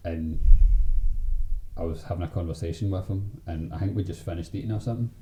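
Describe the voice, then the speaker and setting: A man's voice: deep voice, fairly even intonation, a little fast, warm tone. A man with a broad Scottish accent, chatting casually in slang and swearing as he shares anecdotes. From Scotland. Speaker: podcast host. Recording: roomy echo with background noise.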